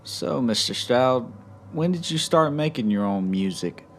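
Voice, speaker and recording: A man voicing a cold, stern male interrogator who talks slowly and sarcastically in a story reading. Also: mid-range voice, lively intonation, a little hiss or hum, pitched above the performer's own voice, lightly acted. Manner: slow, clipped, sarcastic.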